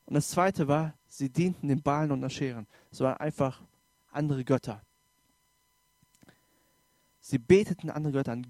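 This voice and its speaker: Informal German preacher, dry close sound. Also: male voice, on the high side, no echo. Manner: informal, direct address with emphatic rises and soft drops. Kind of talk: sermon.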